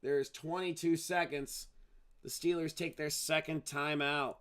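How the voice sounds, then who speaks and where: A man's voice: on the high side, fairly even intonation, unhurried, fairly bright tone. A man streaming live play-by-play commentary on a football game, calling each play and dropping casual, sarcastic asides.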